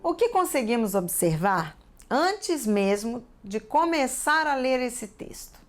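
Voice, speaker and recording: A woman's voice: a little high, very animated, slow, soft background music. A woman with a Brazilian Portuguese accent teaching a TV lesson for children, carefully asking the class many questions.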